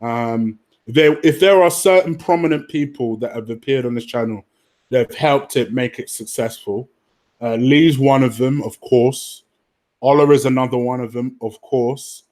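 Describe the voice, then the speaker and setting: Casual and matter-of-fact, a football fan show host swears and rambles while talking to his livestream viewers. He speaks at a normal speed with a medium pitch and a darkish tone.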